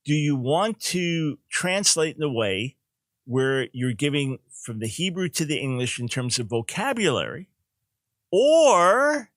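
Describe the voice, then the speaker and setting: A man's voice: medium pitch, fairly bright tone, dry recording. Older guy hosting a radio call-in, lecturing emphatically, dry close sound. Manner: explanatory, emphatic, repeats words as he restarts. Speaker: radio talk show host and Bible teacher. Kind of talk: teaching on a call-in talk show.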